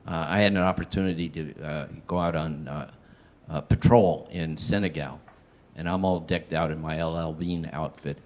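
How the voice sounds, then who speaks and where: A man speaking informally on a public panel, halting and hesitant as he searches for his words. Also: rumbling low, darkish tone.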